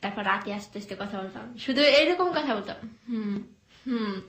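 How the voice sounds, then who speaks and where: A young woman from Bangladesh telling her life story in an interview, speaking softly and hesitantly with many pauses and fillers. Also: on the high side, expressive, echoey room. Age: young adult.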